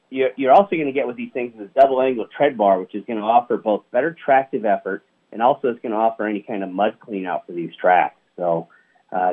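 Man over the phone, lowish voice, tinny narrow phone line, upbeat, radio interview guest, lots of fillers. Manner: upbeat, many "you know" fillers. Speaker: product manager guest.

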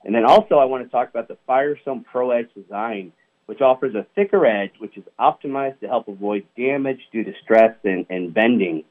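A man's voice: medium pitch, animated, a little fast. Upbeat man over a tinny phone line. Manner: upbeat, many "you know" fillers. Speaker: product manager guest. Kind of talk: radio phone interview.

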